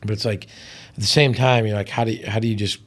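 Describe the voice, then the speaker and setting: A man's voice: fairly low pitch, fairly even intonation, quick pace. A man hosting a podcast, chatting loosely and rambling, with lots of "you know". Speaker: podcast host. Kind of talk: casual podcast conversation. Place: podcast studio.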